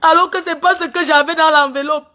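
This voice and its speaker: A woman's voice: sits high, fairly even intonation, a little fast, sharp tone. Tearful, indignant woman ranting live. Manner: agitated, repetitive, indignant questioning. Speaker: livestreamer airing a complaint. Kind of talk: emotional social media live rant. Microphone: phone on a live stream.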